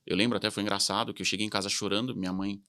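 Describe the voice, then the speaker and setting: A man's voice: fairly low pitch, steady tone, rapid-fire, pushed and bright, dry recording, clean studio sound. A Brazilian businessman in his thirties, speaking with a Brazilian Portuguese accent, telling candid stories full of quoted dialogue in a casual interview. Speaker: company CEO, podcast guest.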